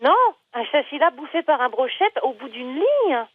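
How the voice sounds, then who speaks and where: A woman's voice: sits high, big pitch swings, normal speed, no echo. A woman from an animal shelter on the phone, indignant and insistent. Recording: tinny phone line.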